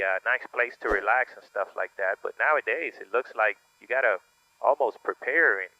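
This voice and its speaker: A man's voice: mid-range voice, dry recording, muffled recording. Give me a man, a pilot and vlog host, talking casually through his cockpit headset with many "uh" fillers while he flies a small plane. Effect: pilot cockpit headset intercom. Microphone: aviation headset boom mic.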